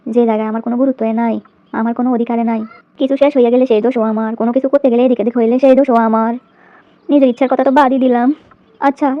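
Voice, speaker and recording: A woman's voice: high voice, no echo, lightly acted. A woman playing an aggrieved, nagging young wife in a comedy skit, bickering and complaining with sarcastic questions in a colloquial Bangladeshi accent. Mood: aggrieved, hurt. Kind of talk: domestic comedy skit monologue. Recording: dull, lo-fi dry recording.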